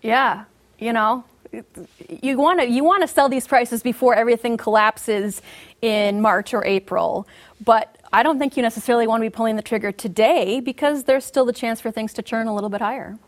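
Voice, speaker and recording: A woman commodity market analyst giving measured, explanatory answers full of market jargon in an interview. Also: on the high side.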